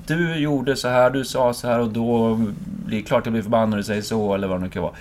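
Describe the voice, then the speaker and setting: A man, a speaker who gives lectures, reflecting aloud in a relaxed conversation, searching for words and acting out his own inner voice. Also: medium pitch, slight background noise.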